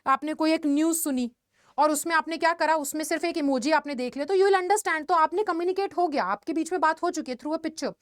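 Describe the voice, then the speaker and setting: A young woman teacher with an Indian accent, giving an animated exam-prep lesson and calling her students "beta". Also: high-pitched, fairly quick, no echo, clean studio sound. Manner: animated, addresses students as beta, mixes English phrases.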